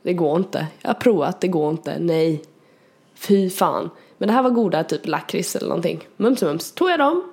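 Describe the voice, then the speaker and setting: A woman co-hosting a podcast, chatting casually and telling an animated story with frequent laughter. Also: fairly low pitch, gravelly. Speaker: podcast co-host.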